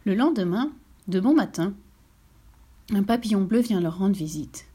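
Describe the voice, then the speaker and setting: A woman reading a children's story aloud in a gentle, expressive way, with soft whispered touches. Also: mid-range voice, normal speed, breathy edge.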